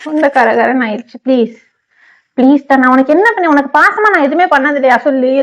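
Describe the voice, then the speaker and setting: Tamil wife in a couple vlog, very high voice, frantic, pleading, close to tears. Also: female voice, lively intonation, fast, dull audio. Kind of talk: casual couple banter.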